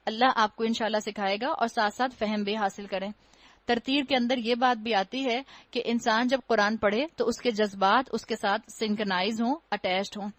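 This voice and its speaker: A woman's voice: on the high side, dry recording. A woman giving a religious lecture, explaining patiently, using rhetorical questions and wry humor, and slipping English words into her talk. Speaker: Quran teacher.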